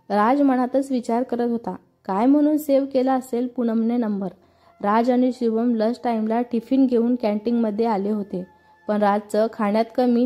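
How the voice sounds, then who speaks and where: A woman with a Marathi accent narrates a story as a scripted reading, speaking the characters' lines with little change of voice. Her tone is warm and mellow and sits a bit high. Quiet music plays behind her. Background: soft background music.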